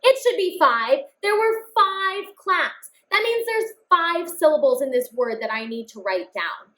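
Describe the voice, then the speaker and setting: Woman, cheerful phonics teacher, slightly high voice, slow drawn-out words. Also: sing-song, pushed and bright, rough recording. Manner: upbeat, addresses kids as friends, slow drawn-out words. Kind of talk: phonics lesson for children.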